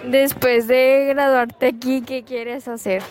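A young woman with a high voice interviews a classmate outdoors at school, asking brief questions at an unhurried pace. A faint crowd murmurs in the background. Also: little pitch movement, darkish tone, faint music behind. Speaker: student interviewer. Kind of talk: casual interview.

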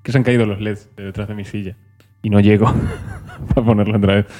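A man's voice: on the low side, level tone, a little mellow, faint music behind. A man co-hosting a podcast, bantering and joking in casual chat. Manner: joking, quick banter, swears freely. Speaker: podcast co-host.

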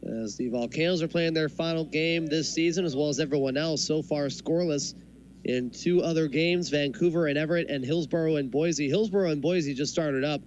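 A man doing live baseball commentary in measured, short phrases with pauses, as the play-by-play announcer. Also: a little high, darkish tone. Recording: clear background noise from a ballpark. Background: ballpark ambience.

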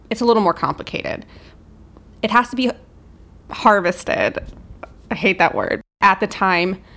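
A woman co-hosting a podcast explains things in casual, informal, conversational chat. Her voice is mid-range and a bit bright.

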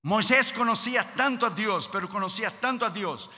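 High, bright preacher in a reverberant church. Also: male voice, a little fast. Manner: dramatic, acts out quotes in lowered voices, drops to a hush. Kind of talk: sermon. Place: large church hall. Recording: long church hall reverb.

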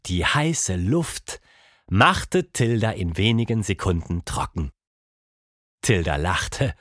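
A man narrating a children's audiobook in a lively, expressive reading style. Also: on the low side, slow pace, no echo, clean studio sound. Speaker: storyteller.

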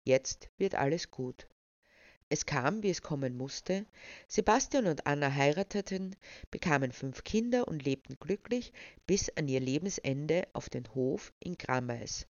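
A woman narrating a story in a measured, calm manner, in a dull, dry recording. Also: low voice, no echo.

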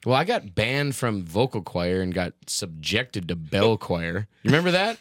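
A man's voice: fairly low pitch, very animated, normal speed, no room sound, studio quality. A man co-hosting a podcast in casual chat, joking and telling rambling stories with frequent laughter. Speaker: podcast co-host.

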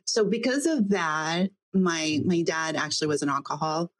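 A woman from the Philippines tells her story as a podcast guest. Her voice sits fairly low for a woman, earnest in tone. She laughs easily between sentences. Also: moderate pace, dry recording. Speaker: interview guest. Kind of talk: personal testimony in interview.

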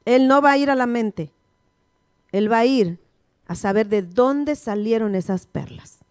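A woman's voice: fairly high pitch, lively intonation, unhurried, a little mellow, clear, resonant tone, no echo, studio quality. A woman pastor teaching a sermon, quizzing her listeners with repeated questions. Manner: call-and-response, repeated questions to the congregation.

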